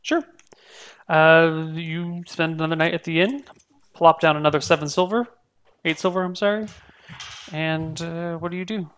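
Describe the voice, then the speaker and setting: A man narrating a tabletop game as game master, explaining things in a halting way. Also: on the high side, steady tone, a bit bright, smooth.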